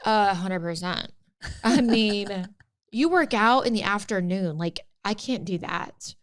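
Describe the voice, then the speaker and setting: A woman's voice: mid-range voice, slow pace. A woman in her late thirties co-hosting a podcast, chatting casually and agreeing often. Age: 30s. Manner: agreeable, constant short affirmations. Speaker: podcast co-host. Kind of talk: casual chat.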